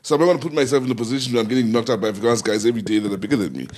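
A man's voice: medium pitch, rapid-fire, a little mellow. A man from the Free State with a South African accent, sharing reflective stories on a sports panel. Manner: reflective storytelling. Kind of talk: casual panel discussion.

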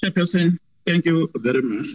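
A man's voice: on the high side, moderate pace, dull audio. A man speaking formally in a committee meeting, his voice breaking up over a poor remote call connection as he checks whether he can be heard. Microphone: remote call line.

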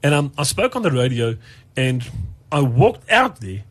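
A man with a slightly husky voice tells a personal story in relaxed conversation. He is an animated storyteller who acts out other people's lines and often restarts his sentences. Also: mid-range voice, a little slow. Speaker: radio presenter and podcast host. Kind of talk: storytelling in casual talk.

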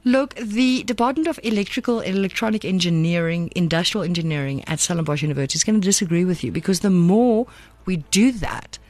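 A woman's voice: fairly low pitch, quick pace, darkish tone, no room sound. A South African woman presenting on radio, explaining casually and slipping between two languages. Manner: switches between English and Afrikaans.

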